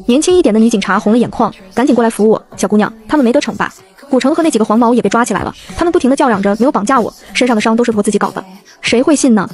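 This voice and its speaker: A woman reads a first-person novel aloud at a breakneck pace. Her voice sits somewhat high for a woman, and the reading stays brisk and scripted throughout. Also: darkish tone, husky. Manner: rapid, brisk storytelling. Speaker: audiobook narrator.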